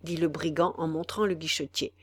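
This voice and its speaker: A woman narrating a classic novel as an audiobook reader, steady and low in the narration tags. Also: moderate pace, breathy edge, no echo, studio quality.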